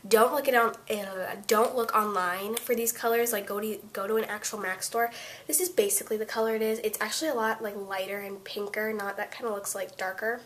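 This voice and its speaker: A teenage girl with a blocked-up, congested voice from a cold talks through a beginner makeup routine at a middle pitch. She rambles, restarts her sentences and leans on fillers. A faint hiss of noise sits under her voice on the webcam mic. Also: steady tone, fairly quick, a bit bright. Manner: rambling, chatty, full of fillers and self-corrections. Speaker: beauty vlogger. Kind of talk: casual makeup tutorial.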